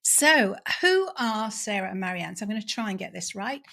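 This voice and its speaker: A woman's voice: medium pitch, expressive, normal speed, gravelly, pushed and bright. A woman hosting a podcast interview, chatty and enthusiastic, with a self-deprecating humour. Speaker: podcast host.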